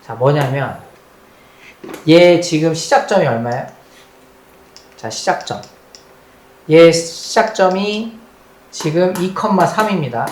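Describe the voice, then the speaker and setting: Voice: mid-range voice, animated, slow pace, pauses often. A math teacher giving a recorded lecture at the board. The teacher repeats key points and quizzes the students, mixing polite and casual speech. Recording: roomy echo with faint background noise.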